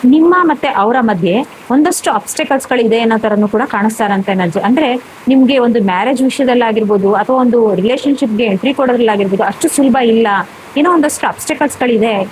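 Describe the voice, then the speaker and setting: Higher-voiced woman giving a tarot reading. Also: fast talker, a little mellow, slight background noise, poor audio. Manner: rambling, repetitive, many fillers and restarts. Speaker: tarot reader.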